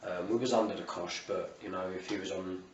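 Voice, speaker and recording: Male football manager, south-east English British accent, low matey voice, interviewed on a distant mic. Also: steady tone, quick pace, crowd noise. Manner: colloquial, matey, with frequent "you know". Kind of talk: post-match interview. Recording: roomy, distant mic, faint ambient noise.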